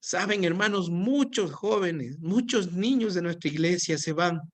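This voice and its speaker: A man's voice: high-pitched, lively intonation, a little slow. A man, preaching a sermon in a church and telling a personal story with emotional, pleading delivery. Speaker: pastor.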